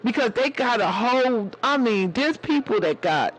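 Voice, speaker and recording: A man putting on a sassy, hoarse elder woman. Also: very high voice, expressive, normal speed, a bit bright, a little hiss or hum, poor audio. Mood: fond. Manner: sassy, calls listeners baby and honey. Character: sassy elder woman, preachy motherly sage. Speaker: live-stream host. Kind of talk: preachy casual live-stream talk.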